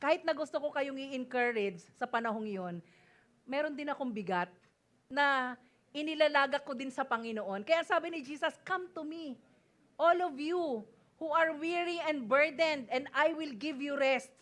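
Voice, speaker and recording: A Filipino woman pastor preaching to her congregation in a high, bright register. She speaks emphatically, switching between Tagalog and English and often pausing to call out for an amen. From Philippines. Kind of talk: sermon mixing Tagalog and English. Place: church service before a congregation.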